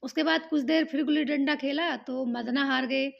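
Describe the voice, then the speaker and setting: High-voiced woman telling a temple legend. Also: steady tone, moderate pace, vocal fry. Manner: plain spoken narration with fillers. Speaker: storyteller. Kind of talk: devotional storytelling. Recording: dull lo-fi recording.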